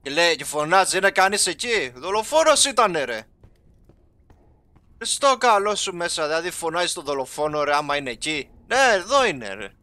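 A young man narrating his own game session in an excitable, chatty way, talking to his viewers as he goes. His voice is a little high and sharply bright. He drops English game terms into his talk. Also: no echo. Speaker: gaming YouTuber. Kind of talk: casual let's-play commentary.

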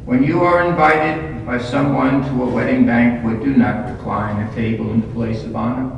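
Priest in a booming cathedral echo. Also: male voice, steady tone, moderate pace, creaky, slight background noise. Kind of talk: gospel reading and homily at Mass. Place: large church. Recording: distant, echoey church recording, slightly muffled.

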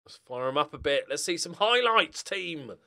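Speaking close to his desk microphone, this middle-aged streamer sounds sharp and expressive, his pitch on the high side with some vocal fry at a moderate pace. He curses casually while commentating a football manager game, talking to his in-game players and his audience.

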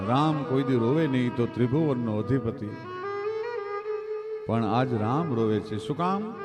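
A man with a Kathiawadi Gujarati accent telling a devotional folk story on stage, declaiming dramatically and swinging between loud peaks and hushed drops. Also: medium pitch, animated, a little slow, big-room sound, loud music behind the voice. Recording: live mix with violin accompaniment.

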